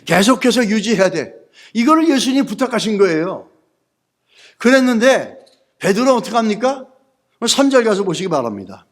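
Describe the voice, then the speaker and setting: A man's voice: high-pitched, big pitch swings, fairly quick, pauses often. A male pastor preaching a sermon, posing rhetorical questions to the congregation and mixing in English words.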